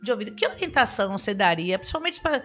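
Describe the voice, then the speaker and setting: Measured Brazilian woman host, muffled sound. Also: medium pitch, sing-song, a bit bright, faint music behind. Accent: Brazilian Portuguese. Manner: slow, measured questioning. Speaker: radio show host. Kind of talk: interview questions. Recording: dull lo-fi broadcast audio.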